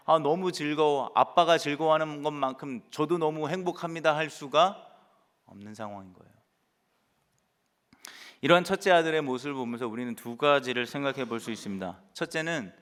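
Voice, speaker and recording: A male pastor preaching in a church sanctuary, at a middling pitch for a man. He puts questions to the congregation and answers them himself. His voice rings out with a long reverb off the hall walls. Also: a bit bright. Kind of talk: sermon.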